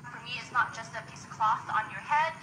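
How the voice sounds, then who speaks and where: A woman's voice: fairly high pitch, fast, bright, forceful tone, echoey room, a little hiss or hum, poor audio. An American woman answering interview questions in an upbeat, emphatic way. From United States.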